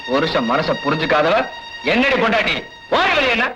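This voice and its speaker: An actor playing a pushy, hot-tempered young husband who scolds and barks orders, in 1980s film acting. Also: male voice, on the high side, lively intonation, brisk, very noisy, natural voice. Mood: pressing. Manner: demanding, scolding, shouts orders. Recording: old film soundtrack with music.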